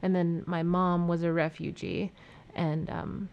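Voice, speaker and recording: An American woman with a slightly low voice hosts a radio interview. She speaks in a friendly way, framing questions and summing things up for the audience. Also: little pitch movement, measured pace, creaky, lo-fi sound. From United States. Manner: friendly, asks questions and sums up. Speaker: radio show host.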